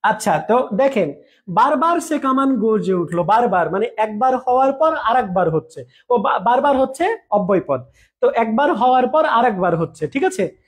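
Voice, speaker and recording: A man's voice: very high-pitched, lively intonation, normal speed. A man teaching a recorded grammar class in a chatty way, repeating examples and checking in with his students often. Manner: jokes with students mid-lesson. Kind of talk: recorded online lecture.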